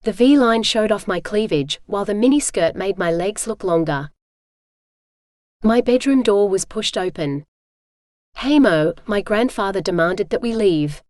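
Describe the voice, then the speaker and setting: Synthetic woman narrator for a first-person audiobook; steady and even, mid pitch, dry close sound. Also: normal speed, no echo. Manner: even, steady text-to-speech reading.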